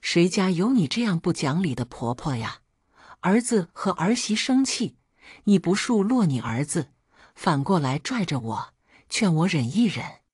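A sharp-tongued young daughter-in-law scolds and weeps at once, as a woman narrator puts her on in a storybook reading. The voice sits low and husky but swings widely in pitch. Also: big pitch swings, a little slow, no echo, studio quality, full character voice. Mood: angry, tearful. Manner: scolding, shouting in tears. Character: rude, tearful young pregnant daughter-in-law.

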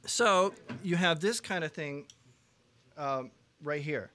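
A man teaching a vocal production workshop to a live class, animated, asking the room questions and acting out singers. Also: on the high side, slow pace, slight background noise. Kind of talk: lively workshop lecture. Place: classroom before a live audience.

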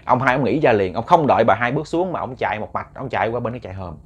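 A man's voice: mid-range voice, lively intonation, rapid-fire, highs cut off, a little hiss or hum. A man telling a ghost story, chatting to listeners and often repeating words. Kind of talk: storytelling to an audience.

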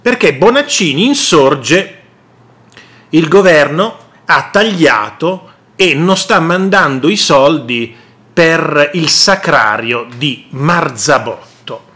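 A man's voice: on the high side, animated, takes it slowly, bright, forceful tone. A man commenting on politics in a vlog monologue, indignant and sarcastic, repeating his jabs.

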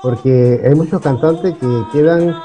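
A man's voice: a little high, unhurried, warm tone, soft background music. A man with a Peruvian accent from Lima, hosting a TV interview in a conversational tone and ending his questions with a prompt. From Peru.

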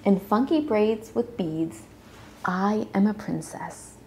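Slow, lively woman reading a storybook. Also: medium pitch, a little hiss or hum. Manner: slow, animated reading with playful voiced sounds. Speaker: children's storybook reader. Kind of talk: read-aloud storytelling for young children.

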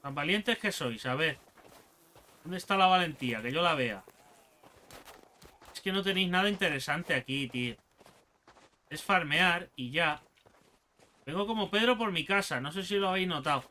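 Excitable Spanish gamer with a bright, lively voice. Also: male voice, a little high, normal speed, long pauses, a little hiss or hum. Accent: Spain Spanish. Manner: excitable, swearing, taunting enemies aloud. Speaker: gaming channel host. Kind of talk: let's play commentary.

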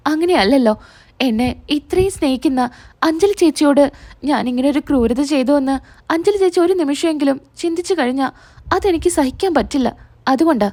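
A woman reading out a gentle young woman, soft and pleading. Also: high-pitched, expressive, fairly quick. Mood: tearful. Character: gentle caring young woman coaxing her sister-in-law.

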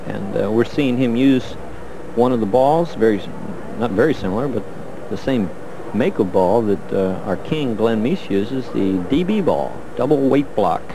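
A man's voice: mid-range voice, lively intonation, moderate pace, background noise. A man giving color commentary on a televised bowling match, breaking down each shot in a coaching way. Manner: analytical, coaching-style breakdown of shots.

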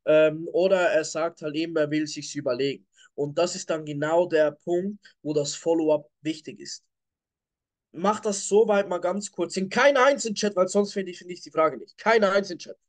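Blunt high-voiced man coaching a live call. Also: normal speed. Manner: blunt, reads questions from chat, repeats catchphrases.

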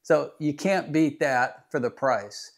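A man in his fifties, a garage channel host, plainly demonstrating scan tools in his home garage. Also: a little high. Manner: plain, practical, unhurried explaining. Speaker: DIY mechanic channel host. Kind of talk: casual product demo.

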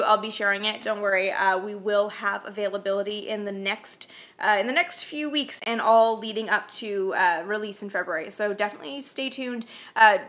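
Bright-voiced Canadian woman vlogger. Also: medium pitch. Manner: chatty, uses many fillers. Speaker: YouTube host and author. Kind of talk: casual vlog Q&A.

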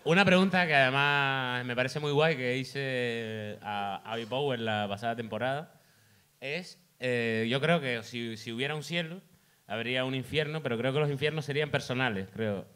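A man's voice: mid-range voice, moderate pace, fairly bright tone, smooth. A man with a Canarian Spanish accent, hosting a comedy talk show with loose, joking banter. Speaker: comedian host.

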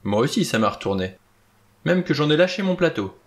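A man's voice: fairly high pitch, very animated, brisk, pitched above the performer's own voice. A man reading an audiobook, voicing an anxious, deferential middle-aged butler.

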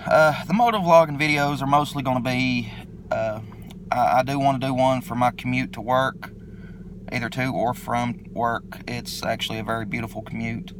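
A middle-aged man from eastern Kentucky with a local accent, talking in a laid-back, halting way as he introduces his vlog in a video recorded on his phone. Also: mid-range voice, steady tone, background noise. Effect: self-recorded phone video. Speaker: motovlogger introducing his channel. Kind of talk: casual unscripted vlog intro.

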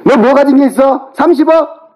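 Man, middle-aged, very high-pitched, yelling, cursing, berating, phone call. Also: normal speed. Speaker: older brother on a phone call. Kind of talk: heated phone argument. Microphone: phone call recording.

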